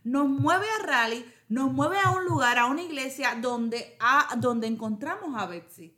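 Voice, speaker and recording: A woman telling a heartfelt, devout story as a podcast guest, lively and emotional. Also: high voice, unhurried. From Puerto Rico. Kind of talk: casual heartfelt testimony.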